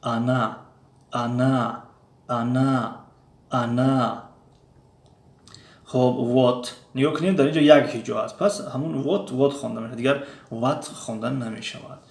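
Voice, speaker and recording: A man in the middle pitch range teaches a lesson at an unhurried pace. His voice has a gravelly edge, and he says each drill word aloud again and again. The recording carries the echo of a bare room. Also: a little mellow. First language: Tajik. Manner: slow, repeats drill words aloud. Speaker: language teacher. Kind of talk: explaining a lesson.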